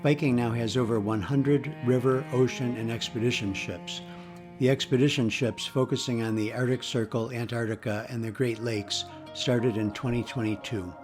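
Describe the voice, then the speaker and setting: A man narrating a travel video in a steady, informative scripted voice-over. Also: medium pitch, normal speed, over music. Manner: even, informative. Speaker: travel vlogger.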